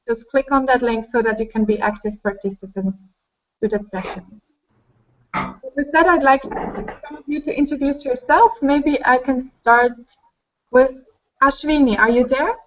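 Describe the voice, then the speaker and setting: A woman with a high voice hosts an online webinar and calls on people one by one in a friendly, organized way. The audio has the dull, muffled sound of a video call. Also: fairly even intonation, unhurried. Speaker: webinar host.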